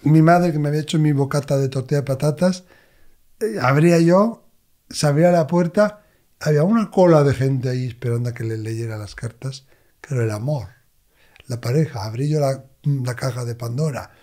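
A man, a medium, telling expressive stories as an interview guest. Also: mid-range voice, normal speed. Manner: expressive, animated anecdotes. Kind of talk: conversational storytelling.

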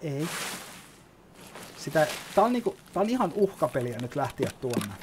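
A man's voice: on the high side, big pitch swings, noisy background. A man giving casual gameplay commentary, explaining as he plays and swearing often. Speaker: gaming YouTuber.

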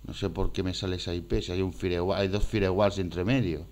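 A man with a deep, low voice talks casually while walking through something on his computer screen. He rambles, restarts and repeats phrases as he thinks aloud, in an offhand, unscripted way. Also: flat delivery, a little fast, darkish tone. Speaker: screencast maker. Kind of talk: casual screen-recorded demo.

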